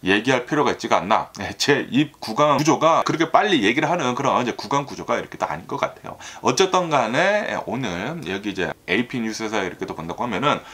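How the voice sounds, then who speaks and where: A man talking casually to his viewers about the news, rambling and filling every pause with little filler words. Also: medium pitch, animated, fairly bright tone, husky. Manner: filler-heavy, constant "ne" and "ireoke tto"; rambling and talkative, sometimes laughs. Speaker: YouTuber reviewing US news. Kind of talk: casual solo video talk.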